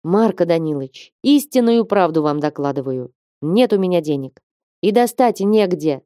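A woman's voice: lowish voice, expressive, normal speed, mellow, no echo, lightly acted. Anxious male trader begging for time, trembling, dry close read, voiced by a woman. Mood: desperate. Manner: pleading, trembling.

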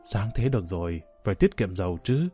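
A man voicing a lecherous middle-aged male farm-camp chief who talks in a low, hushed and crude way. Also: very animated, fairly quick, soft background music. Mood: hushed coaxing.

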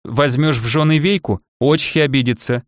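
Shy ex-soldier ruler around thirty read by a guy, self-mocking and dry-humored, mid-pitched, dry close sound. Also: moderate pace, dry recording, natural voice. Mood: earnest. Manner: self-deprecating, gently ironic.

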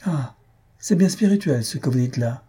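A man's voice: fairly high pitch, lively intonation, normal speed, dark tone, breathy edge, pitched above the performer's own voice. A man reading aloud and voicing a curt young housemaid who answers sharply and indignantly.

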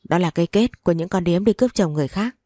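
A woman's voice: fairly low pitch, fast talker, dark tone, no echo, studio quality, natural voice. A woman voicing cold, mocking, spiteful women in a gang.

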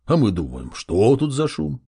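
A man's voice: medium pitch, wildly swooping pitch, normal speed, gravelly, dark tone, husky, exaggerated voice. Man voicing a sneering bald fire-wielding brute. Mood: mocking. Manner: sneering, bellowing threats.

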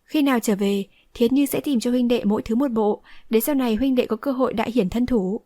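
A woman's voice: on the high side, fairly quick, dark tone, dry recording, close to an everyday voice. A woman reading the part of a resolute young swordswoman who speaks firmly and decisively, in a dry close recording. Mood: explaining. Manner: firm, decisive speech. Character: young heroine, resolute and fierce-tempered.

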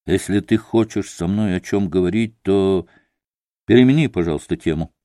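Man reading a bitter, curt young guy in an audiobook, low voice, dry sound. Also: moderate pace, warm tone, dry recording, lightly acted. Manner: curt and sardonic. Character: feverish, irritable young man, bitter and scornful.

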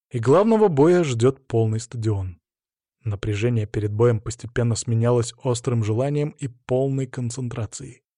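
Steady male storyteller. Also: medium pitch, dry recording, clean studio sound. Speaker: narrator. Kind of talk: scripted first-person narration.

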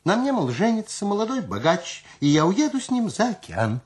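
Brief: male reader as a brisk young woman witness, high, eager and quick. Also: huge pitch swings, a little mellow.

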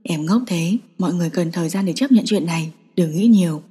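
Give me a gentle, soft-spoken young man voiced by a woman narrator, low and even, dark and husky. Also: brisk, in a large hall. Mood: tender.

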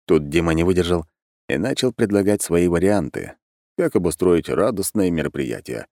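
A man's voice: deep voice, lively intonation, moderate pace, creaky, darkish tone, dry recording, clean studio sound. A man narrating a first-person audiobook in a wry, conversational way.

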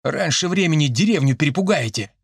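A composed male analyst, dry and understated, barely keeping a straight face, as a male narrator reads him. The voice sits close to the narrator's own, lively in pitch. The recording is dry and close. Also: a little fast, gravelly, breathy edge, no room sound, full character voice. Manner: dry, restrained.

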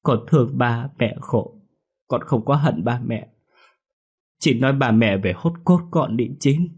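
A man's voice: medium pitch, a little slow, darkish tone, slightly rough, voice pushed up. A man voicing the ghost of a young man who pleads tearfully with his family in a spoken ghost story. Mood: tearful pleading. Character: grieving young male ghost, sobbing and pleading.

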